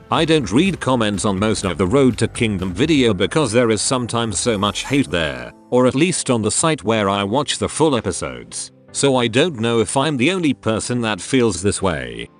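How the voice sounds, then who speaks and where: A male text-to-speech robot voice sitting fairly low, yet its pitch swings around a lot. It reads out a channel host's blunt, opinionated commentary. Faint music plays softly behind it. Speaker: channel host.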